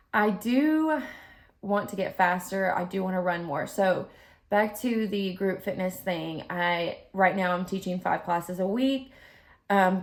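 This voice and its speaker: A woman with noticeable vocal fry talks casually to her vlog audience. She is chatty and a bit giggly, rambling along like a fitness instructor sharing updates. Her pitch sits in an average range for a woman. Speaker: fitness vlogger.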